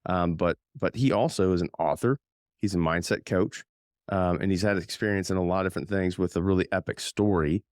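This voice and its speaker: Deep-voiced, chatty male podcast host. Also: fairly quick, darkish tone, clean tone, dry recording, clean studio sound. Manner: chatty, rambling, with many fillers and restarts. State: slightly hoarse from a cold. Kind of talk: casual podcast hosting.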